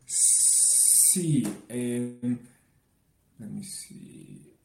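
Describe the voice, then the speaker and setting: A man from Canada, a native English speaker, answering as a podcast guest in halting Spanish with a North American English accent and grammar slips. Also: medium pitch, animated, vocal fry, darkish tone, echoey room, a little hiss or hum, rough recording. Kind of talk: casual interview answers.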